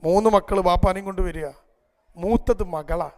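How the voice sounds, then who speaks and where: A man's voice: high voice, moderate pace, a little mellow. A man tells stories to a live audience and keeps asking them rhetorical questions. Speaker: public speaker. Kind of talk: storytelling family talk to an audience. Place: event hall before a live audience. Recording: long echo of a large hall.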